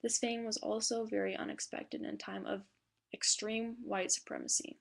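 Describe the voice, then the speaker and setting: A woman's voice: mid-range voice, flat delivery, moderate pace, gravelly. A young woman reading a class presentation aloud from a script, with small slips and fillers. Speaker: student presenter.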